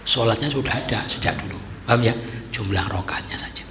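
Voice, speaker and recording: A man's voice: fairly low pitch, fairly quick. A man giving a conversational sermon, often asking his listeners rhetorical questions. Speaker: preacher. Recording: echoey hall with faint noise.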